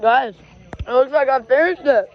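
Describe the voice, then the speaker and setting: A woman's voice: high voice, moderate pace. A woman hosting a casual home video while eating sour candy. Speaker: vlog host. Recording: dull home recording with faint noise.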